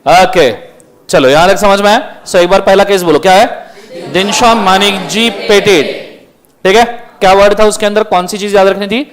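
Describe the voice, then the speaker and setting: Strict high-voiced male lecturer. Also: moderate pace. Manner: strict, scolding students, firing questions at the class. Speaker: law lecturer. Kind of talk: classroom lecture. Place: classroom.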